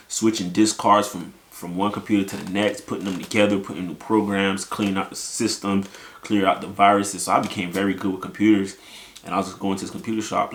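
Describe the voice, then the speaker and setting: A young man with a low, flat voice tells his story in a relaxed, slangy vlog style. He keeps checking in with his viewers and talks like he's chatting with friends. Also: a little hiss or hum. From Haiti. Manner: laid-back slangy talk, lots of "you know what I'm saying". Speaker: vlogger. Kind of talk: casual storytelling to camera.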